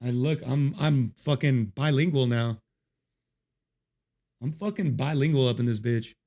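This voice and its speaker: A man's voice: mid-range voice, measured pace, dark tone. Joking, profane man streaming a game. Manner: profane, joking, greets chat. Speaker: livestream gamer. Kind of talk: casual livestream chat. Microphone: desk mic with noise removal.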